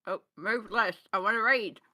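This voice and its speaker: A woman playing a tabletop game, chatting casually and excitedly explaining her character's plans. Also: medium pitch, moderate pace. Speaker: player.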